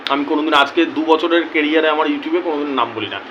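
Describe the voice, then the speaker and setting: Young male vlogger, high and bright, animated casual storytelling to camera, acts out both sides of a chat. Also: quick pace, lo-fi sound, slight background noise. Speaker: lottery tips YouTuber.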